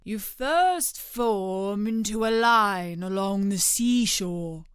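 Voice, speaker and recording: A woman voicing a bossy, excitable storybook beast with loud, emphatic exclamations. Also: mid-range voice, takes it slowly, smooth, dry recording, clean studio sound, natural voice. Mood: brisk, excited.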